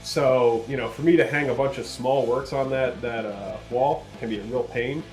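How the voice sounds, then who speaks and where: Casting note: laid-back male gallery owner, mid pitch, heard from a distance in a roomy space with soft guitar music behind. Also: normal speed. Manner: relaxed, rambling, many fillers. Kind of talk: documentary interview, casual storytelling.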